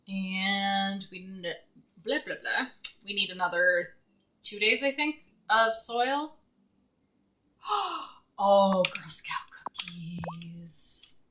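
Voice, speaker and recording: A woman's voice: mid-range voice, slow, pauses often, sharp tone. A woman streaming a game, chatting casually with her viewers and thinking aloud. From United States. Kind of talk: casual live-stream commentary while gaming.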